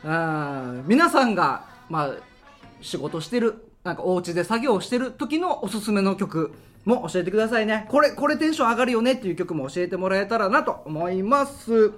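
A man, hosting a local radio show and telling stories in a casual, animated way with lots of sound effects and acted-out voices. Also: sits high, normal speed, soft background music. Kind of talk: casual storytelling monologue.

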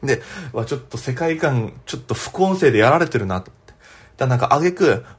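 A young man, a comedian, telling a story alone on his podcast in a chatty, animated way. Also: medium pitch, quick pace, slightly rough.

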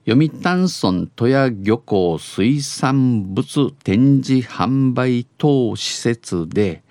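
A medium-pitched, expressive male voice, a little mellow, draws out its words in a dry, clean studio recording. The man, who has an Okinawan accent, reads a dialect news segment piece by piece, alternating standard Japanese with Okinawan dialect and often saying lines again.

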